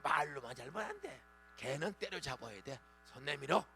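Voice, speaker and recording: A man in his sixties, a pastor preaching a dawn revival sermon in a church, with lively call-and-response prompts to the congregation. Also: fairly high pitch, moderate pace, creaky, husky, soft background music. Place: church sanctuary.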